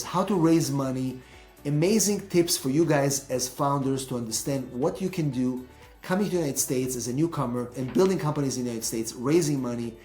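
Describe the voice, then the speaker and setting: A man's voice: medium pitch, a little mellow, roomy sound. A man hosting a podcast interview from his home studio, talking casually with many fillers and restarts. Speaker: podcast host.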